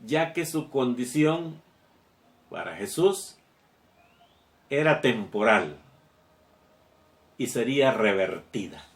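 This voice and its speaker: A man preaches a sermon. He talks very slowly and haltingly, restarting his phrases. The room around him is echoey. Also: medium pitch, very animated, vocal fry. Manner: slow and halting, with many fillers and repeated words.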